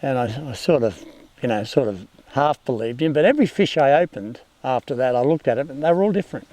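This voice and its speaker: Older male, Australian. Bush storyteller, laconic outback drawl, mid-pitched, halting and unscripted. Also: expressive, a little mellow, no echo. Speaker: former outback station worker telling bush yarns.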